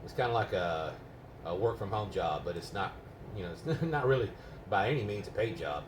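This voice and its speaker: A man with a lowish voice talks casually as a radio operator, rambling and explaining patiently. He sounds distant from the mic in an echoey room with clear background noise. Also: lively intonation, brisk. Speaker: amateur GMRS radio operator. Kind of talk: casual, unscripted radio chat. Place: indoors at a home radio base. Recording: roomy, noisy, distant microphone.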